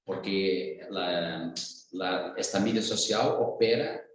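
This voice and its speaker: A Brazilian man, a native Portuguese speaker, giving a political analysis in halting Spanish mixed with Portuguese, searching for words. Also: sits low, slight background noise. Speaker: guest speaker. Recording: very echoey room.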